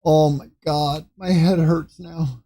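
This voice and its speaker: A man's voice: on the high side, fairly even intonation, takes it slowly, mellow, breathy edge. An older man chatting casually with viewers on a gaming livestream, joking and breaking into laughing fits between lines. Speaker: gaming streamer.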